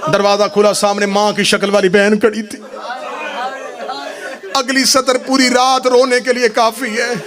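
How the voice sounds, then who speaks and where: A man reciting a mourning elegy at a religious gathering, dramatic and grieving, rising at times to chanted shouts. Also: high-pitched, completely flat delivery, unhurried, long pauses, crowd noise.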